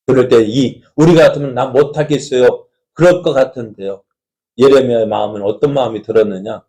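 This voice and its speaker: A man's voice: medium pitch, brisk, dark tone, poor audio. A male pastor preaching a sermon in a conversational way, asking the congregation many rhetorical questions.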